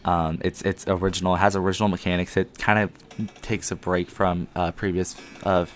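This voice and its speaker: A man's voice: low-pitched, level tone, fairly quick, soft background music. A young man hosting a casual podcast chat, rambling with lots of ums. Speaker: podcast host. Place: friend's house at night. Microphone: one mic shared with a co-host.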